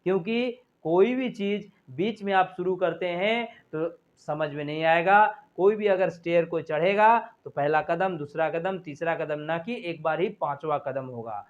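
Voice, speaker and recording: A man teaching English grammar, repeating words and sounds slowly to drill pronunciation. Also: fairly high pitch. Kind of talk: classroom-style grammar lesson. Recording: tinny phone-like audio.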